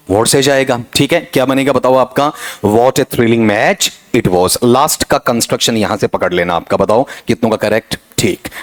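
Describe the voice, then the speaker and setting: A middle-aged man, teaching an exam-prep English grammar lesson. He keeps firing rhetorical questions at his students and reads the example sentences slowly and deliberately. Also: mid-range voice.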